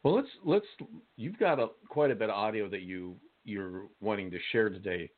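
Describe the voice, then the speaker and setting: A man hosting an interview, asking halting, restarting questions. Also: on the low side. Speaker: show host. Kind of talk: casual interview. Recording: tinny phone line.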